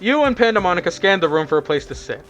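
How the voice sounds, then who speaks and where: A man's voice: high voice, sing-song, quick pace, a bit bright, soft background music. A man narrating a fan visual novel aloud, often stumbling and rereading words, with chatty asides. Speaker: narrator reading a fan game.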